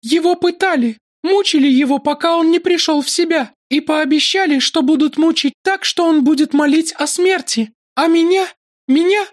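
Guy putting on a shrill tormented young woman, bitter, storybook reading, dry sound. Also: a little slow, dry recording. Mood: bitter, furious. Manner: tense, bitter outbursts. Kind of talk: audiobook character voice.

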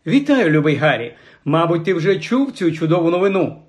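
A man's voice: on the high side, sing-song, fairly quick. A man voicing a stern, proud mother who scolds sharply.

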